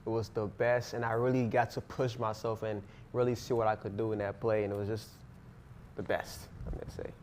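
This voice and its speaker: A teenage boy, an interviewee and student actor whose first language isn't English, answers questions earnestly but rambles, using plenty of fillers. His voice is lowish, level, slightly quick, and a bit mellow. There's a little background noise.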